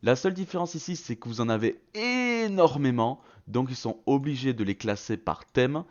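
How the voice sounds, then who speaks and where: A man's voice: medium pitch, darkish tone, highs cut off. A man narrating a tutorial in a casual, slangy and enthusiastic way. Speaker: video creator presenting a voice-changer tool.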